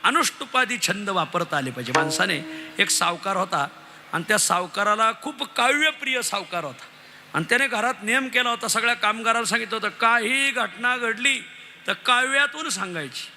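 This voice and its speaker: Man, kirtan preacher, devotional sermon, lively storyteller, high tense bright voice. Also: moderate pace, a little hiss or hum. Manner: lively storytelling, addresses audience as maharaj.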